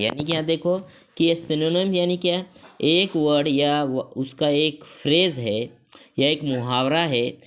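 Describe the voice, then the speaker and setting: A teacher with an Indian accent giving an online English lesson, reading each definition slowly in English and then explaining it in Hindi. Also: mid-range voice.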